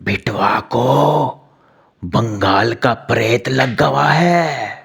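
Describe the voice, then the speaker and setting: An earnest, fearful village servant in a storybook tale, as the narrator puts him on. He drawls very slowly in rural dialect. The voice is gravelly and husky, with a lot of breath in it. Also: mid-range voice, lively intonation, heavily acted. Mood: earnest, urgent.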